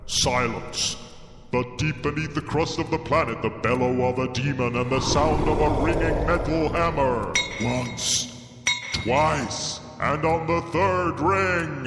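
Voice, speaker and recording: Slow booming mock-epic male narrator. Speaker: podcast intro narrator. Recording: echoey reverb over loud music.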